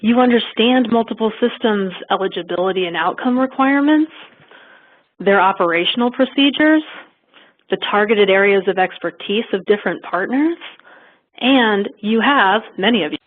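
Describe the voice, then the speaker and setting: A woman's voice: medium pitch, moderate pace. A woman presenting a webinar training, her speech choppy and cutting in and out on a bad connection. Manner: informal asides with laughs and fillers. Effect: choppy connection with words cutting in and out. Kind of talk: reading slides in an online training. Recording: tinny phone-line audio.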